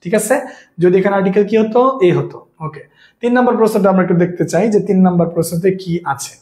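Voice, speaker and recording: In this online grammar class, a male teacher from Bangladesh talks rapidly with a high, mellow voice. He keeps asking the same questions to nudge students into responding, while a roomy echo hangs over the audio.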